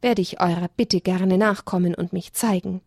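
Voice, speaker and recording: A woman's voice: lowish voice, steady tone, normal speed, a little mellow, no room sound, studio quality. A woman voicing a grumpy, sleepy creature hiding in a tree in a children's story. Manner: grumpy, scolding.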